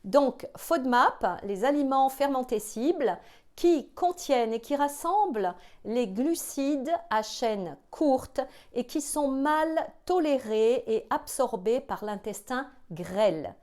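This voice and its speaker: A woman's voice: high voice, expressive, slow, darkish tone. Hesitant woman explaining to camera. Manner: hesitant, many filler sounds and restarts. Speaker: psychologist and video host. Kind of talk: casual explanatory talk to camera.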